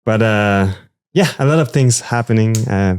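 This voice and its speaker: Man, quebec french accent, rambling, lots of likes and ums, lowish voice, dry close sound. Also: moderate pace, smooth, no room sound. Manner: rambling, many fillers, animated. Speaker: musician guest. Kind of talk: casual interview chat.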